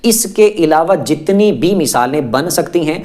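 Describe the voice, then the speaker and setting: A man's voice: a little high, expressive, a little mellow. A man giving a reassuring, explanatory religious talk to viewers, repeating phrases and listing many examples one after another. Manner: repetitive, lists many examples. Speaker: religious teacher.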